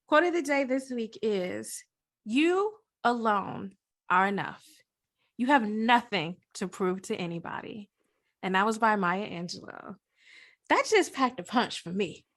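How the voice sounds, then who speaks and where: A woman hosting a casual podcast, talking in an animated, slangy way and laughing often. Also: medium pitch, unhurried. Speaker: podcast host.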